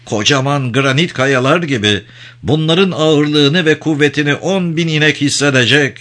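A man voicing a calm, thin old man who soothes a raging bull with caressing flattery, in a storybook reading. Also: medium pitch, normal speed, voice pushed up. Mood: soothing. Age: older.

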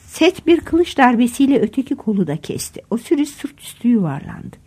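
A woman narrates a dark audiobook tale in the first person, telling it with vivid, dramatic storytelling. Her voice sits fairly high but sounds mellow and warm. It carries a soft husky breathiness throughout.

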